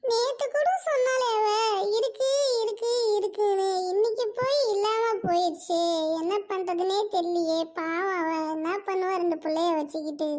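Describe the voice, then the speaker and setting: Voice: very high-pitched, steady tone, normal speed, a little mellow. A performer voicing a gossiping village woman who laments dramatically in a sing-song way, for a cartoon. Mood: lamenting. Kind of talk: cartoon dialogue.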